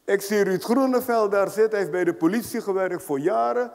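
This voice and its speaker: A man with a high voice preaches a sermon in a church hall, and a long reverb trails after his words. He presses each point home, repeats key phrases and keeps asking his listeners whether they follow. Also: fairly quick, vocal fry, darkish tone. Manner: emphatic, repeats points with rhetorical questions. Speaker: apostle preaching.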